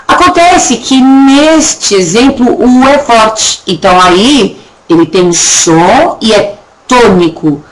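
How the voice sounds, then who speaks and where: A woman teaching a recorded Portuguese grammar lesson with a Brazilian accent, chatty, checking in often with her students and slowly stretching words to show how they are pronounced. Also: medium pitch, rough recording. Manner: drags words out slowly to demonstrate pronunciation. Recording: faint background noise and clicks.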